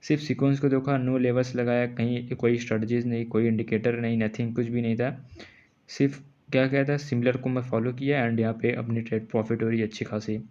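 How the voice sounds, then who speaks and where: A man's voice: mid-range voice, level tone, warm tone, highs cut off. A man giving an informal, casual screen-share tutorial on trading, repeating himself and often correcting his words mid-sentence. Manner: says he is speaking slowly on purpose today.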